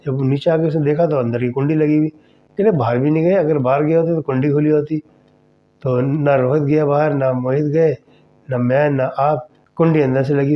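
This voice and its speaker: A man tells a horror story in a conversational, animated way, as a podcast host. His voice sits at an ordinary middle pitch. The audio is slightly dull and muffled.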